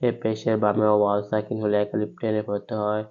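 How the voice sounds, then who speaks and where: A man with a Bangladeshi accent teaching Quran reading, spelling out each letter and vowel slowly and then reciting the phrase. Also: fairly low pitch, monotone, clear, resonant tone. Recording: narrow-band phone-like audio.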